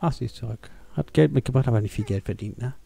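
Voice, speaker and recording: A German let's play gamer rambles casually while playing a life-simulation game, thinking out loud with plenty of fillers. His mid-range voice is mellow and creaky, and he talks fast.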